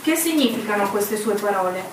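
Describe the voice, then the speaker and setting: A woman reading scripture aloud in a steady, measured way. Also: mid-range voice. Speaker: scripture reader. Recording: echoey room, distant mic, faint noise.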